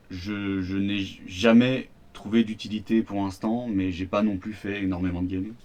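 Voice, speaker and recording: A man's voice: lowish voice, mellow. A man with a French accent, casually presenting the cards of a starter deck, rambling with fillers and slang. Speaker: card game YouTuber. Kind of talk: casual deck unboxing commentary.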